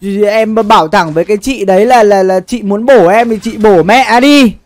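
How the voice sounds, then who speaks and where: A young man with a high-pitched voice chats at normal speed during a gaming livestream, faint music behind him. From his indoor streaming setup he offers casual commentary laced with slang and swearing, frequently repeating lines.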